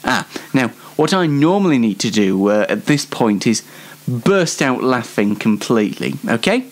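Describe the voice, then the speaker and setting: This host's mid-range voice has big pitch swings and a moderate pace. Alone on his show, he talks to the audience in a casual comic monologue that rambles hesitantly and leans on self-deprecation.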